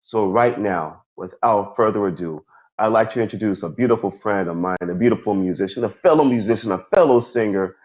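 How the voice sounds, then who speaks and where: A man's voice: on the low side, lively intonation, fairly quick, dull audio. A man hosting a live stream interview, talking enthusiastically and effusively. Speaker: host.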